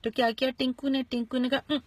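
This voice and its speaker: A husky woman tells a story to children in a chatty way and keeps stopping to ask her listeners questions. Her voice sits a little high. It is recorded dry and close. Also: flat delivery, fast, a little mellow, no echo.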